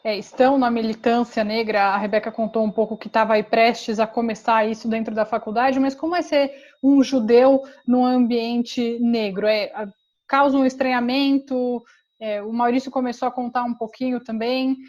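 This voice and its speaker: A woman's voice: on the high side, steady tone, normal speed, a little mellow. A woman hosting a podcast, asking her guests loosely phrased, inquisitive questions. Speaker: podcast host. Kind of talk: interviewing guests. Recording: dull lo-fi sound.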